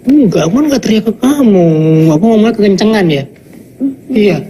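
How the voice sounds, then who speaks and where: Woman doing a sweet young mom, sing-song and lively, kinda high, noisy film sound. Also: fairly quick, natural voice. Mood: pleading. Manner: coaxing, animated. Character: affectionate young mother coaxing her child. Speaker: young mother. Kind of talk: film acting.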